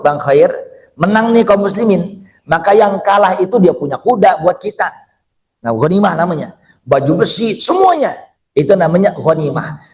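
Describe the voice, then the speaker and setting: A male preacher who tells a story in a sermon, jumps between hushed lines and sudden shouts, and keeps asking the audience questions. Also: fairly high pitch. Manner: addresses the audience directly and often.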